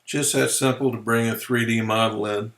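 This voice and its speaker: A man presenting a software tutorial, explaining features in a relaxed, folksy way as he clicks through them. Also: mid-range voice, moderate pace. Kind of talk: screen-recorded software walkthrough.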